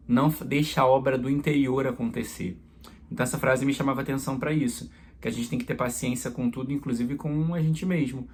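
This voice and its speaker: Um padre pregando uma homilia em tom de conversa, com exemplos do dia a dia. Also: male voice, medium pitch, a little mellow, a little hiss or hum. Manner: conversational preaching with everyday examples. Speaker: priest.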